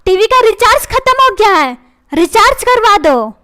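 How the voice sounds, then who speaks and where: A woman's voice: very high voice, sing-song, moderate pace, pushed and bright, exaggerated voice. A woman voicing a nagging, complaining housewife and mother in a comic cartoon.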